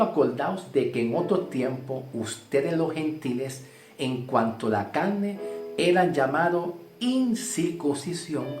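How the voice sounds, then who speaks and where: A man's voice: mid-range voice, a little mellow. A man from Puerto Rico with a Puerto Rican accent, preaching a sermon, emphatic and repetitive, often checking in with "ok?". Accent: Puerto Rican Spanish. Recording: roomy sound with faint guitar music.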